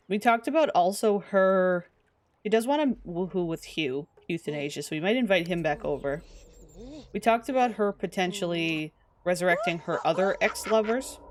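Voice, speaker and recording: Chatty woman streamer, slightly low voice. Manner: chatty, talks to game characters, giggly asides. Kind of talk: casual live gameplay commentary.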